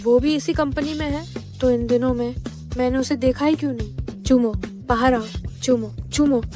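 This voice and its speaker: A woman's voice: high-pitched, fairly even intonation, normal speed, lightly acted. A woman dubbing a cheerful, talkative young woman who poses as a girlfriend. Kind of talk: dubbed drama acting. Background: soft background music.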